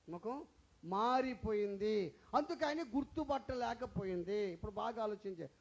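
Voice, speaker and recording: A man's voice: extremely high pitch, dull audio. A male pastor preaching an Easter sermon in a church, repeating phrases and firing questions at the congregation.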